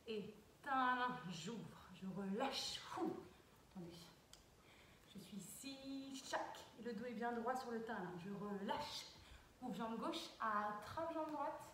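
A woman's voice: on the high side, expressive, takes it slowly, a bit bright, slight background noise. A young woman dance teacher talking through a routine step by step, calling counts and sound cues as she moves. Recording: very echoey, far from mic.

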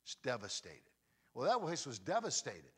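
A man preaching a sermon as a guest pastor, telling a story with dramatic swings from loud to hushed. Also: medium pitch, wildly swooping pitch, normal speed, husky.

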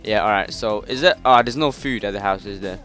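A man's voice: on the low side, a little fast, soft background music. British man, chatty gaming commentary. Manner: chatty, yelps loudly when startled. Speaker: gaming channel host. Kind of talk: casual gameplay commentary.

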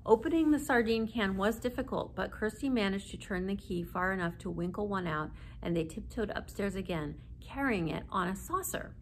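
A woman in her forties reads a children's book to listeners as a library narrator, seated indoors in a small room near the camera. Her mid-range voice is animated and moves at a moderate pace with few pauses, while the low-quality recording has faint background noise.

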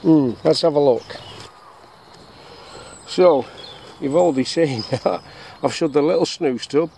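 Unhurried and a little high, his voice is also gravelly with a dark tone. The middle-aged Englishman, a bushcraft vlogger, jokes as he demonstrates gear at a woodland camp, questioning himself and then replying. Birdsong and faint outdoor noise come through on the action camera clipped to his chest or set on a tripod.

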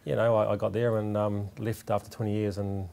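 A man, a guest in a studio interview, talking earnestly and haltingly with restarts. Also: fairly low pitch, level tone, gravelly, warm tone. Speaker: guest, tribute singer. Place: small TV studio set.

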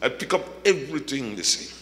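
A man preaching a sermon as a pastor, from the Caribbean, swinging from shouted high points to humorous asides. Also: big pitch swings, brisk, roomy sound, big-room sound.

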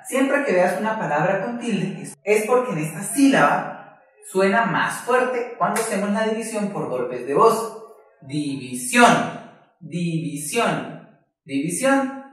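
A primary school teacher in a recorded class for young children speaks at a slow, patient pace. Words are stretched out syllable by syllable. The voice sits at a moderate pitch and rings through a very echoey room, picked up from some distance. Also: fairly bright tone. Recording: very echoey room, voice far from mic.

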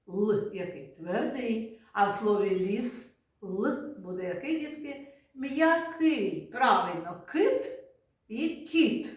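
A woman teaching a literacy lesson to small children, talking in a drawn-out, coaxing way and praising them often. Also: medium pitch. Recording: echoey room, voice far from the mic.

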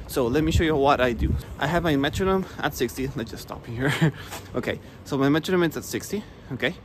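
Out on a rainy street with a noisy background, a man in his thirties gives a casual saxophone lesson into a phone held at arm's length. His medium-pitched voice is animated and brisk, and he stays chatty and upbeat, frequently tossing in "okay?"

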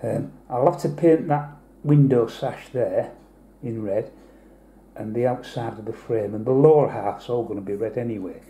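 A man's voice: mid-range voice, normal speed, dark tone, reverberant. A man giving a chatty, rambling hobby tutorial, explaining each step as he goes. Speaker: model painter. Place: indoor hobby desk.

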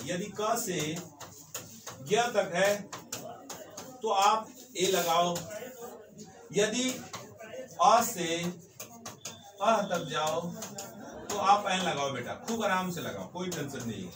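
A man teaching an English grammar lesson, emphatic and repetitive, often adding "sir" as he drives his points home. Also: high voice. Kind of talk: classroom-style grammar lesson. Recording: echoey room, mic far off, background noise.

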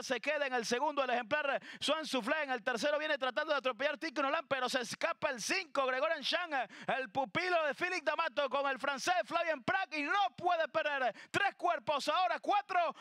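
A male race caller with an extremely high, forceful voice and a dry, close sound. His horse racing commentary is excited and insistent as he tracks the runners. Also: dry recording. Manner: excited, insistent calling of the action.

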